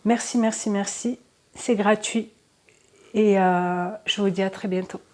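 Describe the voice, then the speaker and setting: A woman doing a casual card reading for her viewers, chatty and hesitant, with many fillers and soft asides. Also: mid-range voice, fairly even intonation, measured pace. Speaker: tarot and oracle card reader.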